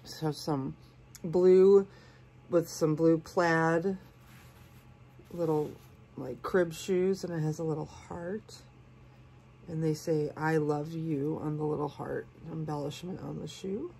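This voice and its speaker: A woman with a cold, sounding congested and sniffly, gushing softly as she unboxes doll clothes and sometimes dropping to a whisper. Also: deep voice, steady tone, takes it slowly, vocal fry, pauses often, a little hiss or hum. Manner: gushing, soft-spoken, sometimes drops to a whisper. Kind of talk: casual unboxing chat.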